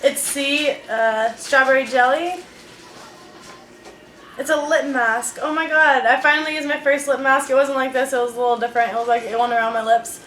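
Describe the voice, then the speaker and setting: In an echoey room at home with faint noise, a young woman unboxes beauty products for her vlog. Her high, fairly bright voice stays fairly even at normal speed as she chats casually with many fillers.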